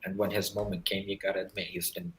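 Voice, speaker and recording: A man arguing his point in a casual online debate. His voice comes through a bad connection that makes it sound robotic and low quality. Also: little pitch movement, fast. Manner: insistent, argumentative, repeats "you know". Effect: robotic, low-quality online call audio. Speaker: participant in an online football discussion. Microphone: online voice call.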